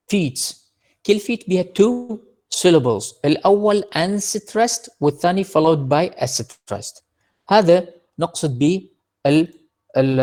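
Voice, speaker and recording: A man with an Iraqi Arabic accent giving an online university lecture, switching between Arabic and English, slowing down for definitions and often hesitating over words. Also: fairly high pitch, a little mellow. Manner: mixes Arabic and English, slow deliberate English definitions, frequent hesitations. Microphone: computer mic in an online class.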